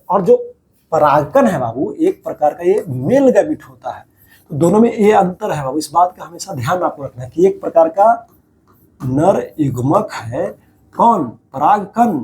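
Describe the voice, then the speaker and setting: Man teaching biology, mellow tone, slightly high voice, repeats terms as questions. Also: sing-song, moderate pace. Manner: repeats key terms as questions to students, calls them babu. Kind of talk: classroom lecture over diagrams.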